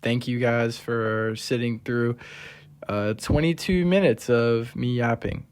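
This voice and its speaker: A man's voice: mid-range voice, steady tone, slow pace, darkish tone, clear, resonant tone. A young man recording a casual outro, stumbling over words and poking fun at himself. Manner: laid-back, stumbling, self-mocking. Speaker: vlogger.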